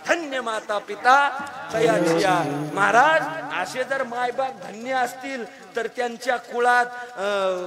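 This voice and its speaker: A man's voice: very high-pitched, animated, slow, crowd noise. A man preaching a comic devotional sermon, telling a story emphatically and calling out to the audience, into a handheld microphone. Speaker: kirtan preacher.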